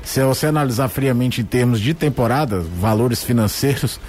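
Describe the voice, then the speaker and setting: A man's voice: medium pitch, a little fast, a little mellow. A man giving conversational, explanatory football analysis on the radio, repeating words to build his points. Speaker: sports commentator.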